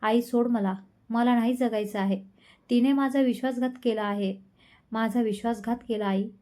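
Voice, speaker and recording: A woman's voice: fairly high pitch, fairly even intonation, normal speed, mellow, close to an everyday voice. A woman voicing a despairing, heartbroken young man who repeats his outbursts in a narrated storybook drama. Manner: anguished outbursts, repeats himself.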